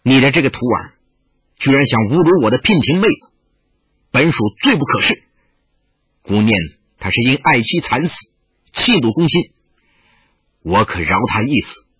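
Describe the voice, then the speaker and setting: Man voicing a fierce young swordswoman, husky, scornful, lively pitch, muffled dry recording. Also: normal speed, long pauses, no room sound, heavily acted. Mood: measured. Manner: commanding, scornful. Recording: dull lo-fi recording.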